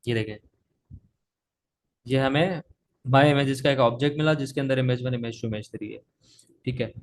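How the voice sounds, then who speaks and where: A man from Pakistan leads a live coding lesson on a video call, speaking a little slowly in a mid-range voice against slight background noise. His sore throat brings on coughs. He types while he talks, checking in again and again with "theek hai."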